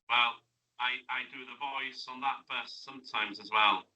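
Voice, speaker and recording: A middle-aged man talks easily with students in a classroom radio interview. His voice is very bright and ringing at an average pitch. He chats warmly and keeps ending with little tag questions. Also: fairly even intonation, unhurried, dull audio. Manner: friendly, chatty, asks lots of tag questions. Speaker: guest. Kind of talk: casual interview chat.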